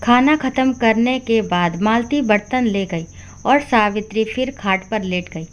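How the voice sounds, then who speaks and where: A woman storyteller reading a scripted family story in a steady, even way. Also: a little high, a little slow.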